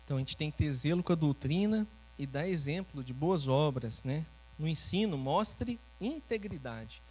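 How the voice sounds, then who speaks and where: A man's voice: fairly high pitch, lively intonation, normal speed, darkish tone, rough recording. A man preaching as pastor, teaching in a conversational way and often checking in with his listeners. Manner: conversational, often ends phrases with "né?". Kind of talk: teaching sermon with congregation interaction. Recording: faint mains hum.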